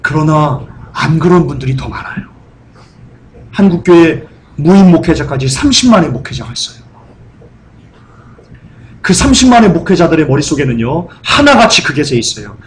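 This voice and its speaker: A male pastor preaching a sermon, firing off rhetorical questions and acting out scenes with loud cries and sudden soft asides. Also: fairly high pitch, big pitch swings, normal speed, long pauses, slight background noise, rough recording. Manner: acts out scenes with loud cries and dropped whispers.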